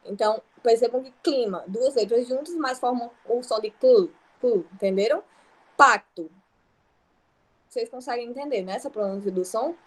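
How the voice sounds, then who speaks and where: A young woman with a Brazilian accent and a slightly high voice leads an online grammar class. She explains patiently, step by step, with many examples. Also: husky. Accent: Brazilian Portuguese. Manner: patient, explaining slowly with examples and frequent checks. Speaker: teacher.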